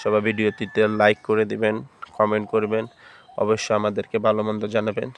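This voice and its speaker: A man teaching Quran reading, spelling out letters and vowel marks one by one and then chanting the words slowly and drawn out. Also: fairly low pitch, completely flat delivery, slight background noise. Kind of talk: slow spelled-out Quran recitation lesson.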